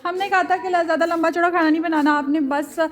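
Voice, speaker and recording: A woman's voice: very high-pitched, steady tone, fast talker. A young woman, chatting casually to her viewers in a family vlog. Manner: chatty, addresses viewers directly. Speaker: family vlogger.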